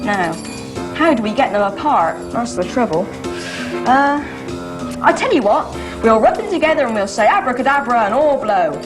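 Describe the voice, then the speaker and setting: A woman's voice: a little high, sing-song, moderate pace. A woman performing as a kids party magician, narrating each trick step by step with theatrical magic words. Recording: music playing behind the voice.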